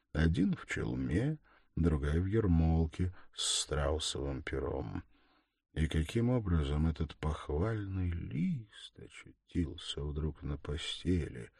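A man reading a classic novel aloud as an audiobook, in a measured, grave manner. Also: a bass voice, gravelly, darkish tone, husky, dry recording, clean studio sound. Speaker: audiobook reader. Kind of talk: dramatic audiobook narration.

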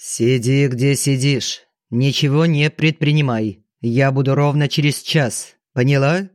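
A man's voice: mid-range voice, steady tone, measured pace, no room sound, clean studio sound, close to an everyday voice. A man voicing an arrogant older banker with a curt, commanding, haughty manner in an audiobook. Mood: cold, curt. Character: arrogant older male banker, domineering and explosive.

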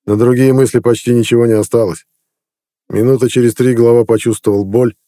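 A man narrating an audiobook in a steady, even storytelling manner on a close studio mic. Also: medium pitch, a little fast, dry recording.

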